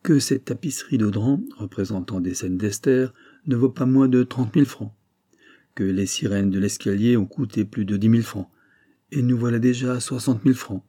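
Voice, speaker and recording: Man reading as a calm polite police officer, soft-spoken, husky, dark tone. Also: medium pitch, moderate pace, close to an everyday voice. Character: calm, gently smiling male police commissioner.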